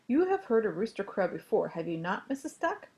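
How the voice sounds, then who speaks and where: A woman's voice: medium pitch, big pitch swings, a little fast, a little mellow. A woman voicing an exceedingly polite, pompous male pig in a storybook read-aloud, talking formally and fussily. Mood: stately. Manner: formal, fussy, hesitant.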